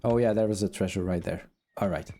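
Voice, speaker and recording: A tired man streaming a fantasy game, thinking aloud in relaxed, casual commentary. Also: on the low side, fast talker. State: tired, yawning.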